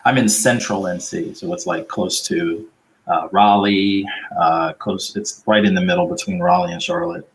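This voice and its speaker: A deep-voiced man in a relaxed call, speaking low in pitch with an easygoing, laid-back manner. He answers and backs up the other speaker with frequent easy agreement. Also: normal speed, vocal fry, poor audio. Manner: laid-back, repeats yeah. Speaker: guest. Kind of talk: casual chat.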